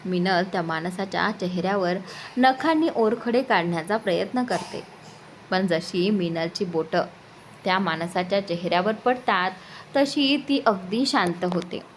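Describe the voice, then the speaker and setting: A woman narrating a romantic story as a storyteller in a steady, even reading voice. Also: on the low side, a little slow, a little hiss or hum, low-quality recording. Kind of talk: scripted narration.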